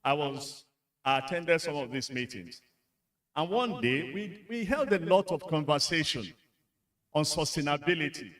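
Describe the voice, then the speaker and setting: A man's voice: fairly high pitch, lively intonation, measured pace, a bit bright, distant mic. A man with a Nigerian English accent giving a frank, conversational conference speech to senior civil servants, with frequent fillers. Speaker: speaker at a civil service retreat. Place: conference hall.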